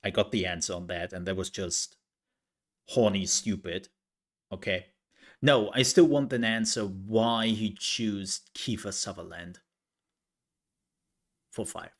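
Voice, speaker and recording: A man's voice: lowish voice, slow pace, pauses often. A man streaming a farming game live, chatting casually and telling a rambling story with laughs.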